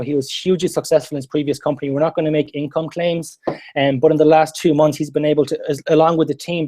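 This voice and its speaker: A man in his twenties with a west of Ireland accent, giving an emphatic, repetitive motivational sales pitch as host of a launch call. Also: dark tone. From Galway, Ireland. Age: 20s. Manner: emphatic, repetitive, peppered with "you know" and "okay".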